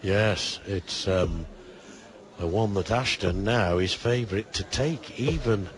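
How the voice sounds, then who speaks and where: A man giving live darts commentary, measured and analytical, with considered pauses. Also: on the low side. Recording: busy crowd behind commentary. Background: darts crowd.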